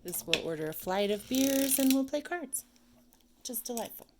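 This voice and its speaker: A woman's voice: a little high, expressive, normal speed, background noise. A married woman vlogging at home while she cranks a sock machine. She talks on and on to herself, now and then tossing in silly sound effects. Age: adult, married. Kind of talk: casual chat while working a sock machine. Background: clicking sock machine mechanism.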